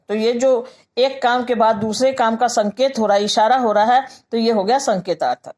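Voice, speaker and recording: A woman with a Hindi accent teaching grammar in a patient lecture, saying example sentences slowly and then explaining each one. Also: on the high side, a little mellow.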